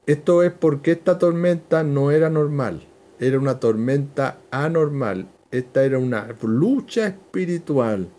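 A man teaching a verse-by-verse Bible lesson, slow and emphatic, repeating key phrases. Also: on the high side, warm tone.

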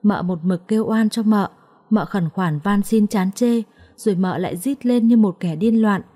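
Female storyteller for an audiobook, mellow tone, even expressive read. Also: mid-range voice, moderate pace. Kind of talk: scripted audiobook narration.

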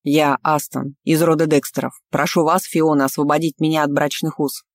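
A man's voice: fairly high pitch, little pitch movement, normal speed, no room sound, studio quality, voice pushed down, natural voice. A woman voicing a pedantic male court mage who speaks in formal, lecturing phrases. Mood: solemn.

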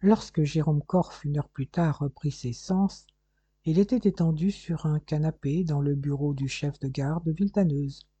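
A man reading an audiobook aloud in a steady, measured narration. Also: a little high, husky, dry recording. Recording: dull lo-fi recording.

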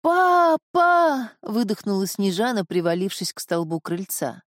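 Woman reading a fairy tale, low and dry. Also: normal speed, dry recording. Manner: steady storytelling. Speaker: audiobook narrator. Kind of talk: scripted narration.

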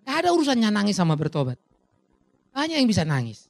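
A man preaching a sermon as pastor, animated and dramatic, asking the crowd questions and acting out little dialogues. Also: high-pitched, fast, vocal fry, no echo.

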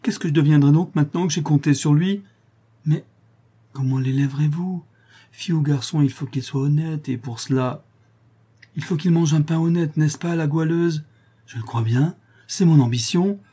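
A man's voice: fairly high pitch, steady tone, fairly quick, mellow, slightly rough, pitched above the performer's own voice. A man voicing a tearful young woman prisoner who is expecting a child, pleading and sobbing with fierce pride. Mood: proud.

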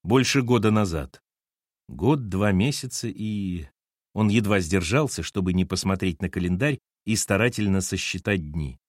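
A man reading a novel aloud as an audiobook narrator, with expressive delivery. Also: sits low, moderate pace, no room sound, clean studio sound. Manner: expressive, lively intonation.

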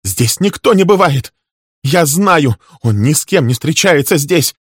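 A man voicing a volatile young female secretary who shouts in a high, shrill voice. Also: expressive, fairly quick, no echo, studio quality, close to an everyday voice. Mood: screaming.

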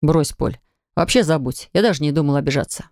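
Brief: woman reading as a gentle, doting husband, soft and low, dry close studio read. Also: fairly quick, dry recording, lightly acted. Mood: tender. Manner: soft, soothing, affectionate. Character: tender man in his thirties, devoted new father.

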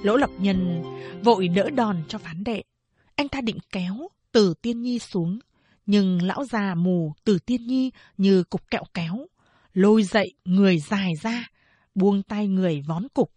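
A woman narrating a novel in slow, measured storytelling. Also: medium pitch, warm tone, breathy edge, dry recording, faint music behind. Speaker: audiobook narrator.

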